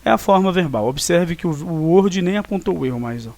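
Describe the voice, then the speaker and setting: A man's voice: sits high, lively intonation, a little fast, a little mellow. A man with a Brazilian Portuguese accent teaching a review class and checking in often with his students. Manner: explanatory, frequent "né?" and "tá?" check-ins. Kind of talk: recorded online class review.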